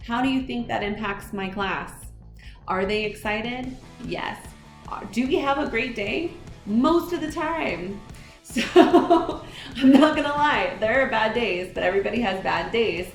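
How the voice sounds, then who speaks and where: A woman who teaches high school English gives other teachers earnest, direct advice on classroom management. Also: measured pace. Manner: earnest, direct, addresses the listener as a fellow teacher. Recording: echoey room with music playing underneath.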